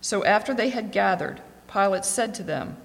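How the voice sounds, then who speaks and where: A woman reading scripture aloud in a steady, clear voice. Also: mid-range voice, moderate pace. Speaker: scripture reader. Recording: long echoing reverb.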